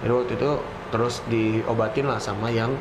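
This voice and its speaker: Male guest, halting casual storyteller with repeated phrases; heavy background rumble, roomy echo. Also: flat delivery. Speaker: guest recounting a personal experience. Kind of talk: casual spoken storytelling of a supernatural experience. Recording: noisy echoey room, traffic-like rumble.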